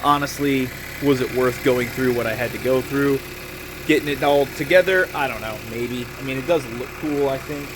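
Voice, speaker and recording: A man's voice: mid-range voice, normal speed, noisy background. A man filming a casual do-it-yourself car video, rambling wryly and breaking into profane rants. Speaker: DIY car-modding vlogger. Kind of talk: casual self-filmed how-to chat. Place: garage and inside a car.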